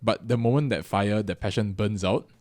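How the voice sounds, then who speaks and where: Easygoing young man, halting speech. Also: on the low side, darkish tone, no room sound. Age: young adult. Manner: easygoing, hesitant, lots of ums and restarts. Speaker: podcast co-host. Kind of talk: casual chat.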